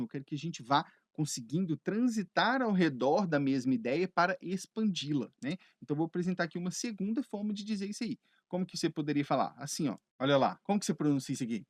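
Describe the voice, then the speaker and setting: A man teaching English phrases in Portuguese, chatty and lively, asking himself questions and answering them. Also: high voice, no echo, clean studio sound.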